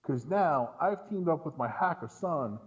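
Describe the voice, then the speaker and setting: A podcast guest who comments on films chats casually about movies, sounding incredulous and emphatic and often repeating words to drive a point home. His voice sits on the high side, animated yet unhurried, and the recording has its highs cut off.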